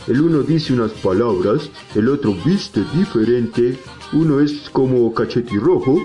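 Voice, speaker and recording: A man's voice: mid-range voice, warm tone, natural voice. A man playing a kindly, wise talking tree who teaches children in a folksy, jolly Colombian storytelling style.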